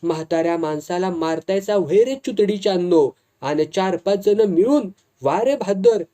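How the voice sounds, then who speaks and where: A brash, hot-tempered village man, as a storyteller puts him on barks in a rough rural Marathi dialect. The voice is dark and mellow. It sits in a told folk tale. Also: sits high, normal speed, lightly acted. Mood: furious.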